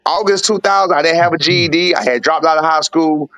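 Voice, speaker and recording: A boxing coach in his forties, who is also the father of a fighter, tells his life story bluntly and candidly in a casual podcast interview, full of slang and swearing. His voice is a little high, steady, bright and forceful, and he talks quickly, with no echo on the recording.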